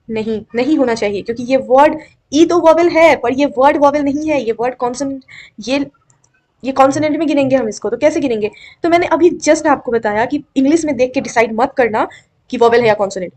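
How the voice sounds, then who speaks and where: Young woman, fairly high voice, grammar teacher, exam-prep lesson, coaxing, checks understanding often. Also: a little mellow.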